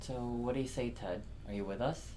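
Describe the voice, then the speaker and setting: A woman's voice: rumbling low, brisk, warm tone, slight background noise. A young woman playing a determined, idealistic student protester in scripted drama dialogue. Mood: pleading. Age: young adult.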